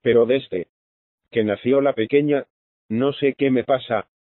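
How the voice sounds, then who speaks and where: A man reading the part of a fragile, frightened young gentlewoman who talks in an anxious, confiding way, heard through a tinny phone-like sound. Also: mid-range voice, fairly even intonation, a little slow, no room sound, lightly acted.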